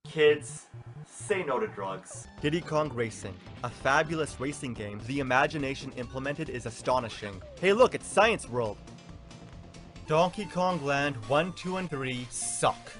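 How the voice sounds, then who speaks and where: A man's voice: medium pitch, lively intonation, unhurried, a bit bright. A man narrating a scripted comedic video game review in a blunt, sarcastic, exasperated way. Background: music.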